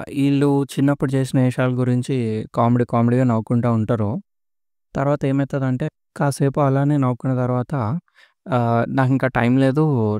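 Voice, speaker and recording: A man casually retelling a series plot in a relaxed, chatty way, with many filler sounds between phrases. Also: medium pitch, smooth, no echo, studio quality. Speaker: storyteller recapping a series.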